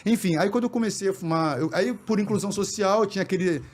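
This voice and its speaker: A man, talking in a casual interview about his past, in a rapid, halting way with lots of repeated words. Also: high voice, a little mellow. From born in New York, raised in Brazil. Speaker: podcast guest, actor.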